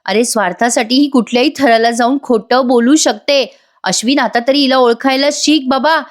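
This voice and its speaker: A woman's voice: high-pitched, moderate pace, voice pushed up, close to an everyday voice. A woman voicing a stern older woman of the family who speaks reproachfully.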